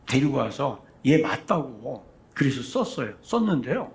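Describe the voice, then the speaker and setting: A male pastor preaching a sermon, telling stories with drama, dropping to a hush and rising to a shout, and putting questions to the congregation. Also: medium pitch, measured pace. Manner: animated storytelling, swings from hushed to shouting.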